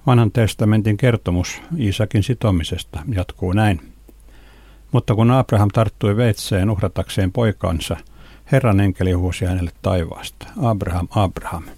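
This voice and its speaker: Man, deep dark voice, measured devotional narration, scripture reading. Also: creaky, no echo. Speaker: Bible teacher.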